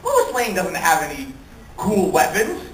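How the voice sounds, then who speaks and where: Animated man giving a convention panel. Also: sits high, unhurried, a little hiss or hum. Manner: animated, profane, laughs often, acts out quotes. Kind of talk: fan convention panel talk. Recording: echoey hall, mic far off.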